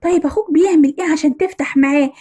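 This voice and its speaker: A woman's voice: high-pitched, very fast, warm tone, natural voice. Woman doing a sneaky Egyptian schoolboy.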